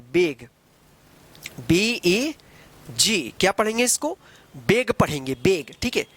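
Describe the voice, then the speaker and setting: A woman teaches English phonics at an unhurried pace, her pitch rising and falling in a lively way. She spells each word letter by letter, asks her listeners what it reads, and repeats the answer several times. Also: dry recording. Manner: drills words, repeats and asks the class. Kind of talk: classroom phonics lesson.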